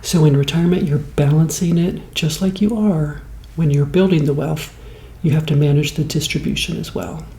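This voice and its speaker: A man in his late fifties talking in a slow, rambling, soft-spoken ASMR way, as host of the show. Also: a little high, fairly even intonation, roomy sound, slight background noise. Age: 50s.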